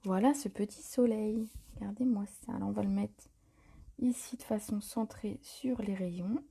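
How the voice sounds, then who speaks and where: A woman's voice: mid-range voice, moderate pace, creaky, husky. A woman hosting a live paper-craft tutorial, talking casually and improvising as she works, with plenty of fillers and self-corrections. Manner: chatty and relaxed, many fillers and self-corrections.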